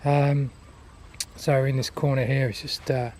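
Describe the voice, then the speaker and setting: A man giving a casual, unscripted garden tour outdoors, listing things in an unhurried, appreciative way. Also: medium pitch, flat delivery, mellow. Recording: outdoor ambient noise.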